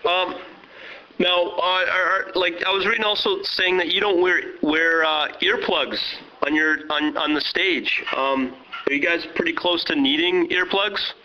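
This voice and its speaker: A man interviewing a musician over a muffled speakerphone, asking halting questions full of restarts. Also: high-pitched, fairly even intonation. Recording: muffled lo-fi phone line, faint hiss.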